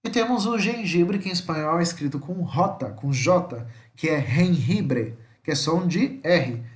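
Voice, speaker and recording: Brazilian male teacher, slightly high voice, patient, repeats words, echoey room. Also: lively intonation. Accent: Brazilian Portuguese. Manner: patient, repeats each word slowly, checks with "tá?". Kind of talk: slide-based language lesson.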